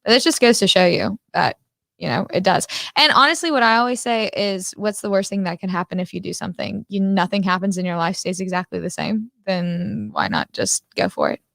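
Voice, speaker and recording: A woman co-hosting a podcast, chatting casually, speaking frankly and responding warmly to the story. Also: mid-range voice, a little fast, creaky, no echo. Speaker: podcast co-host. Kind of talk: casual chat. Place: podcast studio.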